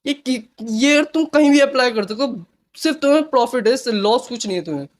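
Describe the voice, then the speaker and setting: A man's voice: very high-pitched, lively intonation, a little fast, slight background noise. A young man talking casually to camera, giving motivational advice in a chatty way and often checking in with the listener. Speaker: self-help vlogger.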